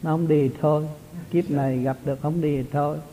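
A man's voice: fairly high pitch, steady tone, a little fast, heavy background noise. A man, a spiritual teacher giving an informal, chatty talk to his followers and chuckling often. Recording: tinny lo-fi recording.

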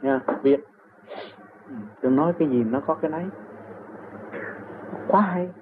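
A man's voice: fairly high pitch, normal speed. An older man with a Southern Vietnamese accent, telling long personal stories in an interview and chuckling often as he talks. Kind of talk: rambling personal storytelling. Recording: tinny phone-like recording with faint noise.

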